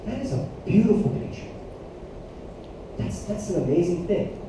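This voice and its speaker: A man in his thirties, a youth pastor preaching a sermon with animated storytelling and questions to the room. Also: high-pitched, moderate pace, noisy background. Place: church hall. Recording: echoey hall, mic at a distance.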